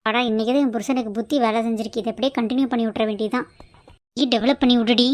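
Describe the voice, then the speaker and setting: A woman voicing a scheming stepmother in a cartoon who speaks slowly and dismissively. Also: a little high, steady tone, natural voice. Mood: sly. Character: scheming stepmother, sly and bossy. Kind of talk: cartoon voice acting.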